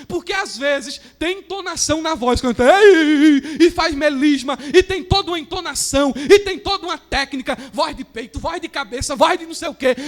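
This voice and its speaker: A male preacher delivers an impassioned sermon in church. His voice sits very high for a man. He moves from near-whispers to full shouts and acts out the people he quotes. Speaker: pastor.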